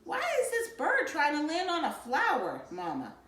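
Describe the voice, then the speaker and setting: A woman's voice: sits high, huge pitch swings, normal speed, a bit bright, far from the mic, voice pushed up, heavily acted. A woman voicing a curious young boy asking his mother questions. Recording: roomy echo.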